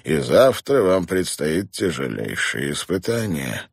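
A grim, fierce schoolteacher, played by a male audiobook reader, speaks in a deep, husky voice with force behind it. The sound is dry and intimate. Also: sing-song, unhurried, no room sound, full character voice. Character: stern, ailing male teacher, fierce and grim. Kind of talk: audiobook character voice.

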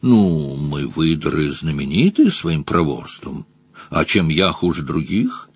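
A man voicing a sly, talkative male otter rogue in an audiobook, with rough, slangy, wheedling speech. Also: extremely low pitch, big pitch swings, slow pace, no echo, voice pushed down, heavily acted. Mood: boastful. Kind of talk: audiobook character voice.

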